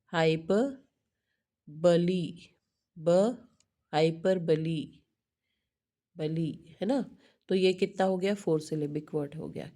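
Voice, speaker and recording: A woman's voice: on the low side, dark tone. A middle-aged woman teaching an English lesson in Hindi mixed with English, often checking in with the listener and correcting herself.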